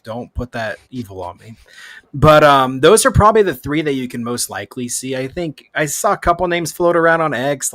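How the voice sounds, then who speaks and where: A man from California talks sports on a podcast in a relaxed, hedging way. His voice sits at an ordinary pitch. The recording is dry and close. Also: dry recording. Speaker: podcast co-host. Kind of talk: casual sports chat.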